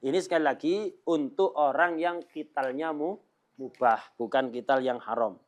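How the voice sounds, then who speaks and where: A man's voice: medium pitch, moderate pace. A middle-aged man teaching Islamic law, joking and laughing often as he explains. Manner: jokey, laughs often, mimics chatter. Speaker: religious teacher.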